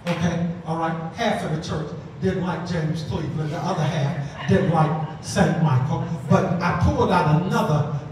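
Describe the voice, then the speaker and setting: A middle-aged American man preaching an animated call-and-response sermon at a pulpit microphone, with exuberant, sing-song delivery and drawn-out phrases. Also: fairly high pitch, noisy background. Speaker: pastor preaching. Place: large church hall. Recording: echoey church hall, slightly distant pulpit microphone.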